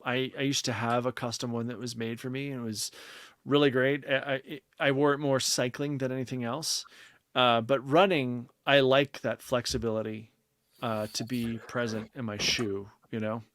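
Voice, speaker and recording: A man's voice: mid-range voice, fairly even intonation, moderate pace, a bit bright, no echo. A man co-hosting a podcast, chatting casually and explaining things at length with lots of fillers and restarts. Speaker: podcast co-host. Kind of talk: casual chat.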